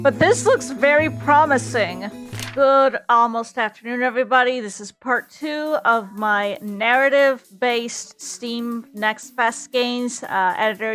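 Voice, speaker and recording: A woman's voice: a little high, normal speed, fairly bright tone, faint music behind. A young woman streamer giving casual, chatty commentary as she plays.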